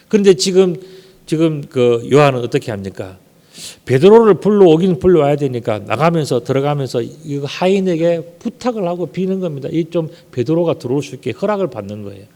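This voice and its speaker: A middle-aged male pastor preaches with an emphatic, animated delivery, his voice sitting fairly high and sounding mellow. He drops playfully into regional dialect impressions. The sound carries a long reverb from a church hall. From South Korea. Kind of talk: sermon. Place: church sanctuary.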